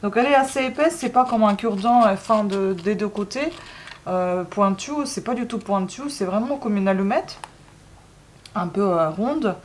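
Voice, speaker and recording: Woman vlogger, mid-pitch, chatty and jokey, grumbles a lot, faint noise behind. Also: moderate pace. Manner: chatty, joking, grumbling, lots of "hein". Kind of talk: casual chat vlog.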